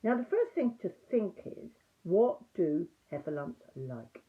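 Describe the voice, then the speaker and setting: Phone-like audio, woman as small male storybook piglet, eager, questioning, helpful, lively jumping pitch. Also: slow pace. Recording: muffled, narrow phone-like audio.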